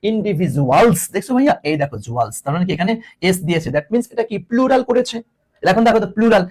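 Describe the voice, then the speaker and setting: A young man teaching an online class, explaining line by line, mixing English words into his talk and often asking students questions. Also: high-pitched. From Bangladesh.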